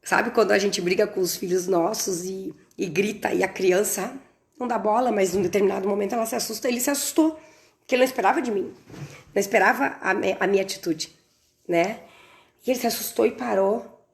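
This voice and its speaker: A middle-aged woman, teaching a live online class and telling a story with lively emphasis. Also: medium pitch, fairly quick. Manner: animated, acts out dialogue with strong emphasis. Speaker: course instructor on a livestream.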